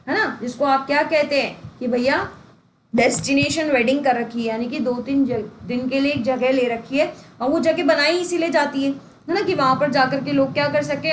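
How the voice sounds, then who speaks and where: Woman tutor, high pitch, exam-prep lesson full of rhetorical questions; roomy recording. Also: slight background noise. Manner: explains with rhetorical questions and folksy examples. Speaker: English teacher. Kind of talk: exam-prep lesson in Hindi-English mix. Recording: echoey room, faint ambience.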